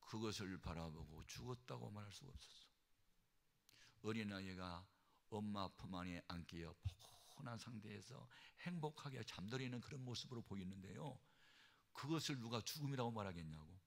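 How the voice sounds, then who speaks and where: A man's voice: lowish voice, animated, moderate pace, gravelly. Dramatic storytelling male pastor. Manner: dramatic, swinging between shouts and hushed tones. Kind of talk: sermon storytelling.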